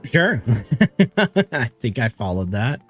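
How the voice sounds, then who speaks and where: A man's voice: medium pitch, lively intonation, slow, fairly bright tone, husky, faint music behind. A man streaming a game, chatting casually and swearing offhandedly. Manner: laid-back, swears casually. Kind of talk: casual chat while gaming.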